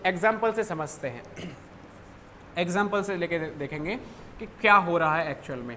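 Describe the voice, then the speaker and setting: A young man teaching a chemistry class who keeps asking questions and answering them himself, dropping low on each answer. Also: fairly bright tone. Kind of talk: classroom lecture. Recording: faint background noise.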